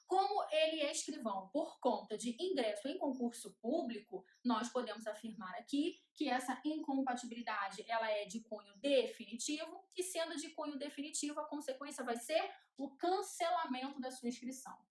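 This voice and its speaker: Woman law teacher, higher register, sing-song list drills, roomy echo. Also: expressive, moderate pace, hardly any pauses. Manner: rhythmic chanting of checklists. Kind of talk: classroom lecture at a whiteboard. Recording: echoey room.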